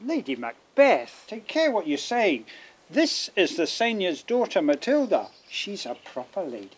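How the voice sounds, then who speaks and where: A performer doing a husky, stern nobleman. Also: medium pitch, big pitch swings, measured pace, pitched below the performer's own voice. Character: stern male noble warning Lady Macbeth.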